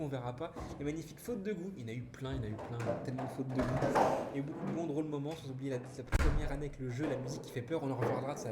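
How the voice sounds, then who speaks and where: Chatty male streamer in a roomy echo. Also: medium pitch. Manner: chatty and warm toward chat, frequent restarts and "voilà". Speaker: streamer hosting an anniversary live. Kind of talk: casual live-stream chat, reading viewer messages. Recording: roomy echo with loud background noise.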